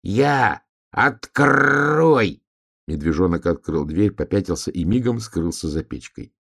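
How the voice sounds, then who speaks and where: A man narrating a children's fairy tale in a calm, measured and expressive reading. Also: sits low. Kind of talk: storybook reading.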